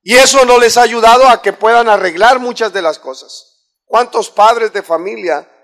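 A Mexican pastor delivers a sermon in a notably high voice for a man. He peppers his congregation with rhetorical questions, rising loud and then dropping low. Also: normal speed. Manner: preachy, many rhetorical questions, swings between loud and soft.

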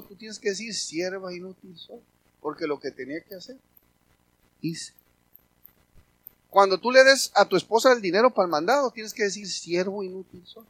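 A male pastor, preaching a sermon with sudden loud emphatic bursts. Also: high voice, breathy edge, no room sound, poor audio.

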